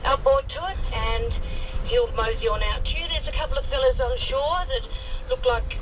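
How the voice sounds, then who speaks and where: Calm voice over a walkie-talkie. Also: high voice, moderate pace, recorded from a distance, lo-fi sound, noisy background. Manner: calm, radio procedure with "over". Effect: over a walkie-talkie radio.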